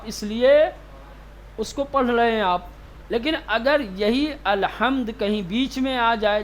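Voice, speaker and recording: In a very high-pitched voice, a man teaches a class on reading the Quran, repeating terms and answering his own questions. A little hiss or hum is audible.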